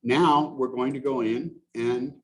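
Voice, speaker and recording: Man, instructor, casual software demo, halting, self-correcting, video call audio, faint noise. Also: medium pitch, steady tone. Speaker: instructor leading a teaching workshop.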